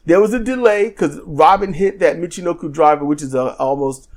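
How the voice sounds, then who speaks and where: High-voiced man recapping wrestling casually. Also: a little fast. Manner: rambling recap with frequent ums and restarts, acts out quotes. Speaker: podcast co-host. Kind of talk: casual wrestling review chat.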